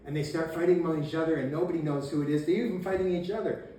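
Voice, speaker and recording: Animated man lecturing in an echoey room. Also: on the high side, very fast. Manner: animated storyteller, acts out shouted quotes, laughs often. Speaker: local history presenter. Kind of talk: casual public lecture. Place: meeting room with audience. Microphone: distant camera. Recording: echoey room, faint noise, mic far off.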